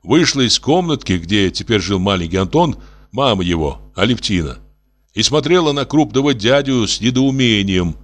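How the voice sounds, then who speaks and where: Expressive male audiobook narrator. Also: fairly low pitch, moderate pace. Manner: expressive storytelling. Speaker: audiobook reader.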